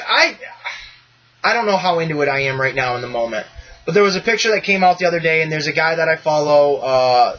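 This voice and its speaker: A man hosts a podcast in loose, rambling conversation, swearing freely and breaking into bursts of enthusiasm. His voice sits a touch high and sounds bright and forceful. The recording is muffled and lo-fi. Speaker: podcast host. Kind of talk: casual chat.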